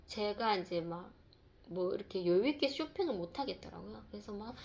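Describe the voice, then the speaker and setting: A mother telling a personal faith testimony, rambling, with many fillers and repeated words. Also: medium pitch.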